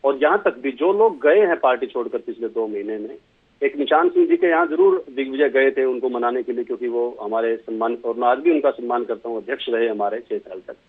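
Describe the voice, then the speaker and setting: A man's voice: medium pitch, big pitch swings, brisk, breathy edge. Man, from Haryana, party spokesman, folksy anecdotal manner, tinny phone-line audio. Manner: folksy, tells anecdotes with acted quotes. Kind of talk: political debate, storytelling.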